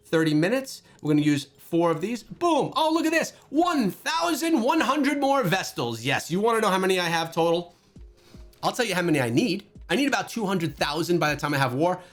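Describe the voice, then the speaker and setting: A man hosting a gaming channel, talking through gameplay with animated exclamations. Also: sits high. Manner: animated and exclamatory, thinking aloud. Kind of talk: gameplay commentary.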